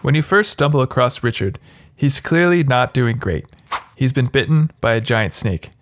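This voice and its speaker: A man's voice: medium pitch, lively intonation, normal speed. A man narrating scripted humorous commentary as a video host, in a sarcastic, mocking manner.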